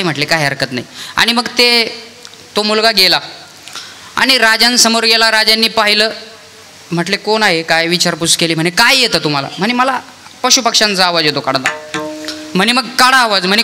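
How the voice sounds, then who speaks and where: Young guy preaching a kirtan, high voice, super bright and piercing, tells a story and plays all the people in it. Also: lively intonation, fairly quick. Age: young adult. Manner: tells a parable and acts out each speaker's lines; calls out the deity's name between passages. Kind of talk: devotional sermon with storytelling.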